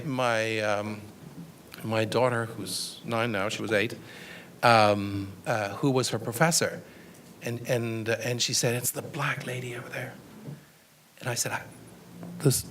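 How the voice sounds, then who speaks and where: A middle-aged man answers a question in a lecture room, weighing his words and often pausing on fillers. His voice sits at an average pitch for a man. A faint steady hiss runs under the recording. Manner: thoughtful, hesitant with fillers and restarts. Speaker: guest lecturer.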